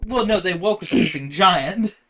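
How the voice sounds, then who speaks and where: Sardonic high-voiced man in debate. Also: fairly bright tone. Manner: skeptical, sardonic, quick rebuttals. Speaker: podcast co-host. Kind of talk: casual debate chat.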